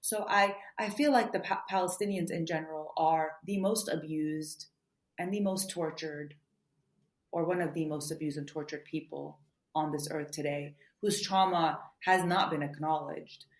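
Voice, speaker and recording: A woman author answering interview questions in an earnest, quick way, often saying "you know". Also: sits low, steady tone. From United States. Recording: roomy echo.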